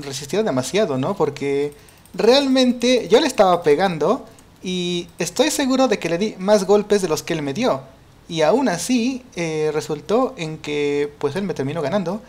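Man, casual gameplay commentary, chatty, excitable, frequent exclamations. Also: sits high. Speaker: gaming video creator.

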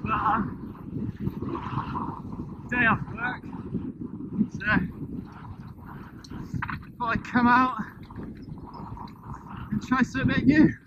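A young man with a southern English accent, rambling casually while riding a mountain bike outdoors, recorded on a bike camera with loud wind and trail noise behind him. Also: extremely high pitch, extremely slow, pauses often, lo-fi sound. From southern England. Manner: rambling, relaxed, chatty.

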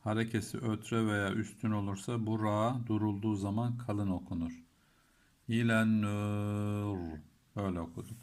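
A man with a Turkish accent teaching Quran recitation rules in a patient lesson. He chants verses slowly and breaks words apart to explain them. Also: on the low side, steady tone, a little mellow.

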